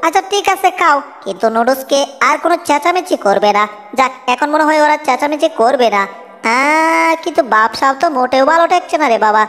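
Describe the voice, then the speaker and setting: A woman voices a fussy little cartoon mouse who scolds and frets. Her voice is pitched very high. It carries a long room echo. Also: animated, fairly bright tone, soft background music. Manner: fussy, scolding, quick to worry. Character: bossy clever male cartoon mouse. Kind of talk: homemade cartoon dub. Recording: long reverb, echoey room.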